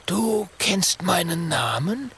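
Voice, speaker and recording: Storybook character: a timid old explorer over seventy, fussy and indignant, with a raised, lively voice, read by a man. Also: high voice, takes it slowly, husky, voice pushed up, heavily acted.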